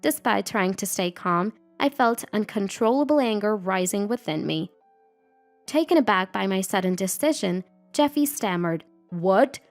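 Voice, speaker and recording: Woman narrator, scripted first-person story, mid-pitched, even delivery, faint music bed. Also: normal speed.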